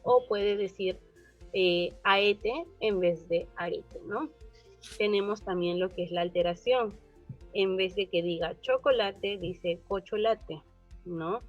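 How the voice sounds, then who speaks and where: A woman giving a group class presentation, explaining steadily and often checking in with a quick question. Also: on the low side, a little mellow. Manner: explanatory, frequent tag questions. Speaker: student presenter. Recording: dull, muffled recording with faint music.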